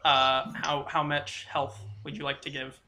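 A man's voice: mid-range voice, little pitch movement, measured pace, bright, forceful tone. A man running a tabletop game as game master, narrating with many hesitant fillers.

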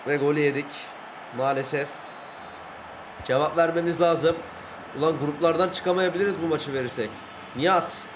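An excitable young man from Turkey commentates a football video game live, his voice sitting high for a man. He keeps swinging from low groans to shouts as the plays unfold. A faint hum of ambience hangs behind him. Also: moderate pace, pauses often. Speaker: gaming YouTuber.

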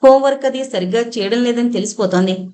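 A woman narrating a novel for an audiobook, in a steady storytelling delivery. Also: on the high side, fast talker. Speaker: audiobook reader.

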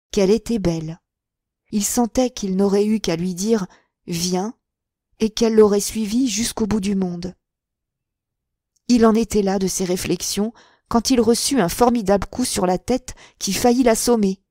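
A woman's voice: medium pitch, warm tone, dry recording. Woman narrating a novel, dry and close. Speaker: audiobook narrator. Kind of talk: audiobook narration of a classic novel.

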